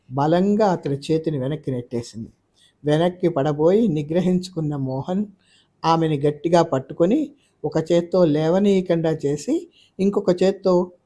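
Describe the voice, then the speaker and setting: A man narrating a novel in an audiobook, his voice sitting a little high for a man. The tone is mellow and warm, delivered with steady, expressive pacing of a scripted reading.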